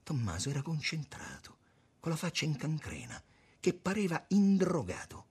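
A man reading a novel aloud with expressive storytelling. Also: fairly high pitch, normal speed, husky. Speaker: narrator.

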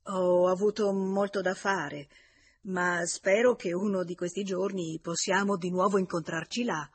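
A woman's voice: fairly low pitch, steady tone, unhurried, slight background noise, lightly acted. A woman reading aloud, voicing a courteous young man who answers briefly and politely.

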